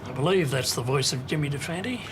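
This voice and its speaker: A man speaking as a football historian in a measured, serious manner. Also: medium pitch, noisy background.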